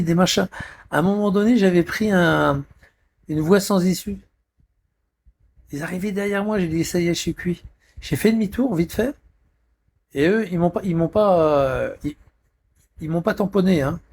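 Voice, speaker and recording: A man's voice: high-pitched, creaky, darkish tone, a little hiss or hum. A man in a rambling live stream chat, irritable and swearing constantly, talking from a friend's apartment.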